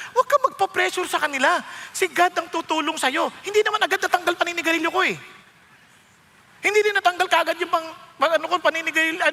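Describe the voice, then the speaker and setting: A male pastor, preaching an animated, joking sermon and mixing in English. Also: very high-pitched. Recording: long hall reverb.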